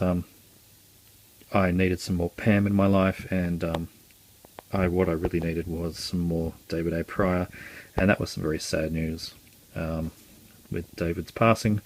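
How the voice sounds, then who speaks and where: A man's voice: deep voice, vocal fry, a little mellow. A man showing off his collection in a casual, rambling way, full of ums and uhs and wry, self-mocking asides. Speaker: collector vlogger. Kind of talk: casual show-and-tell.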